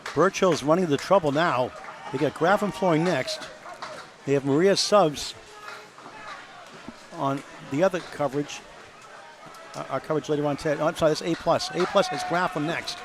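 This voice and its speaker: A man with a slightly high voice chats his way through scores and standings during live bowling coverage. He rattles off numbers and schedules. Alley noise sounds clearly behind him. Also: moderate pace, pauses often. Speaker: color commentator.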